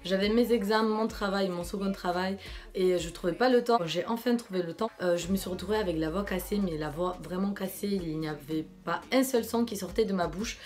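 A woman's voice: mid-range voice, fairly quick, a little mellow. A young woman from France chatting casually through a clothing try-on haul, enthusiastic and full of fillers. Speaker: fashion vlogger.

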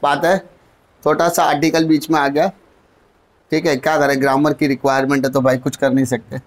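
A man's voice: fairly high pitch, little pitch movement. A male grammar teacher with an Indian accent, explaining English in a mix of Hindi and English. He is chatty and playful, calls students "my dear," and asks his own questions before he answers them. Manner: spells out letters and words slowly, one at a time.

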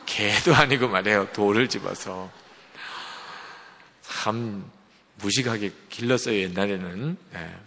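Gravelly-voiced man preaching in a reverberant hall. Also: lowish voice, measured pace, pauses often, pushed and bright, a little hiss or hum. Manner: storytelling, asks the congregation questions. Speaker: pastor. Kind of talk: sermon. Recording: long reverb of a large hall.

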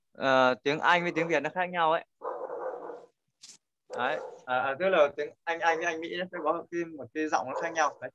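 A man's voice: fairly high pitch, background noise. A man teaching an online pronunciation class, patient and corrective, often repeating his points. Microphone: video call. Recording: dull lo-fi call audio.

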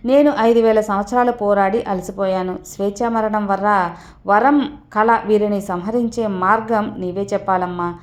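A woman voicing a calm, stately male god in a devotional story, speaking in a measured, commanding way. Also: mid-range voice, lightly acted. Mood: pleading.

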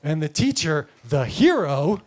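A man in his thirties does live stand-up in a comedy club, his fairly high voice sing-song and measured in pace. His delivery is loose and rambling, stuffed with "like" and "you know," and the audience laughs along.

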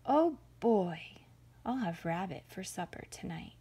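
A woman's voice: fairly low pitch, normal speed, vocal fry, a little mellow, slightly rough, exaggerated voice. A woman whispering as a sly hungry bear. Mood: greedy.

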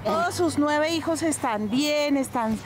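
A woman's voice: high-pitched, measured pace. A middle-aged woman, a TV host asking encouraging questions in a street interview. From Colombia. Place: outdoors on a city street. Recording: loud music bed behind the voice.

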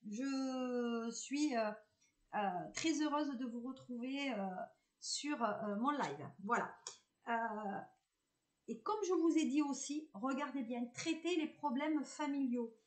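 Woman medium, southern French accent, fairly high voice; chats and reassures viewers through a live card reading, halting often. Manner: chatty and reassuring, hesitant with many fillers. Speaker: medium giving a tarot reading.

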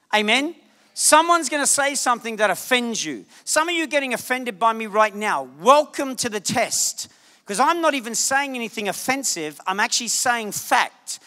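A man preaching a lively sermon, his voice high and bright as he jokes with the congregation and shouts key points. The sound carries the long reverb of a church sanctuary. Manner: animated, jokey, shouts for emphasis. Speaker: guest preacher.

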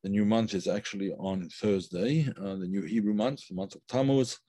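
A man with a low voice teaches a live online class, speaking slowly and thinking aloud with plenty of fillers and restarts. He reads out viewers' comments and praises them. The sound is dry and close, with no room echo. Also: dark tone. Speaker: Kabbalah teacher.

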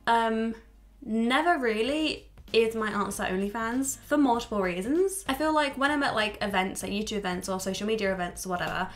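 This woman in her twenties speaks briskly in a slightly high voice, chatting to camera for her YouTube channel. She's frank and curses freely, a bit stuffy from a cold. She's recording in a small room at home.

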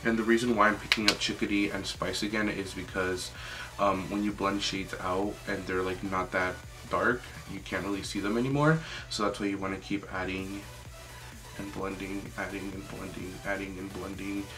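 A young man talks through a makeup tutorial in a casual, informal way. His voice sits a little low, and he peppers his talk with "like". Music plays clearly behind him. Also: little pitch movement, moderate pace, bright, forceful tone. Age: young adult. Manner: chatty, informal, often says "like".

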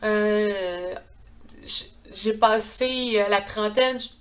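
A woman's voice: mid-range voice, very slow. A woman in her thirties with a Quebec French accent, chatting earnestly to a webcam in a small hallway, with many hesitations. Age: 30s. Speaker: vlogger. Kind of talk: casual chat to camera. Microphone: webcam at close range.

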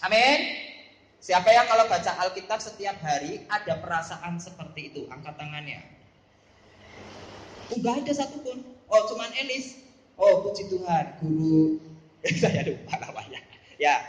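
High-voiced man teaching a Bible class. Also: expressive, normal speed, long pauses, echoey room, slight background noise, low-quality recording. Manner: playful, calls on pupils by name and quizzes them.

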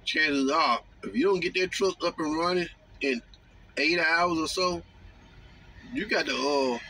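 A man talking casually from his parked truck cab, drawling and mocking with slow, emphatic phrases, recorded on a phone on the dashboard. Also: on the high side, bright, forceful tone. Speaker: truck driver vlogger. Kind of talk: casual monologue.

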